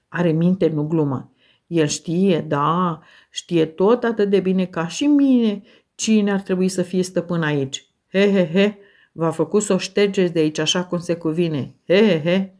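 A woman voicing a spiteful old male servant in an audiobook, slow and gloating with a creaky, cackling laugh. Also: on the low side, darkish tone, close to an everyday voice.

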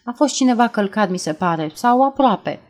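A woman voicing a secretive, guarded young woman in an audiobook, speaking in a calm, measured way. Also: mid-range voice, lightly acted. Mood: apologetic. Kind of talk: audiobook character reading.

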